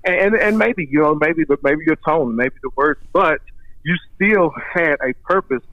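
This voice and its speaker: A man's voice: a little high, moderate pace, no room sound, lo-fi sound. A man, a guest telling his story in an earnest, devout way and quoting scripture. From Texas. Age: 30s. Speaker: guest, rancher and maintenance manager. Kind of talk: casual interview storytelling.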